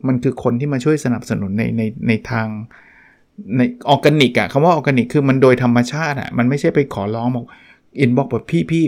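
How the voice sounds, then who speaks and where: A man's voice: mid-range voice, fairly quick, a little mellow. A man hosting a book review podcast, talking casually and acting out short quoted examples along the way. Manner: chatty, acts out little quoted examples. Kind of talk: casual solo podcast talk.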